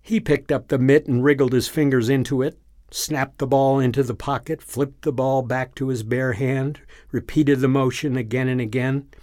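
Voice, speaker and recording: A man reading a story aloud in an even, unhurried narration. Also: mid-range voice, no echo, studio quality.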